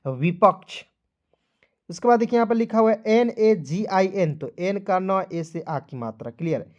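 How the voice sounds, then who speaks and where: A man's voice: sits high, expressive, measured pace, darkish tone. A male teacher giving a beginners' spelling lesson, repeating each step and coaxing his viewers along as friends.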